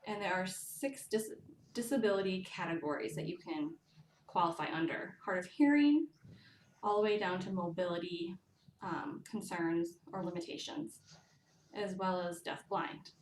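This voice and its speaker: A woman's voice: medium pitch, normal speed, recorded from a distance. A woman working as a live interpreter, voicing a deaf speaker's words in first person over call audio. She sits back from the mic, and the sound is roomy with a faint hiss behind it. Her pace is uneven and she often restarts her phrases. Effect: live interpreter voice, speaking for another person in first person. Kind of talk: spoken interpretation on a recorded call.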